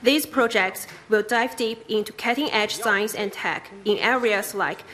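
A woman reporter narrating a scripted news segment clearly. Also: mid-range voice, unhurried, fairly bright tone.

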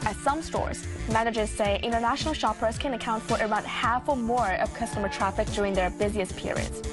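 A woman's voice: fairly high pitch, a little fast. Woman news reporter, chatty feature narration over background music. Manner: conversational, direct address.

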